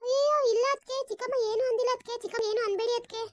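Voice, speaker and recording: A woman's voice: extremely high pitch, steady tone, fast talker, heavy background noise. A woman voicing a tearful, meek young unmarried village woman in a cartoon, pleading and denying. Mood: insistent. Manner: pleading, denying, repeats "akka". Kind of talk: cartoon voice acting.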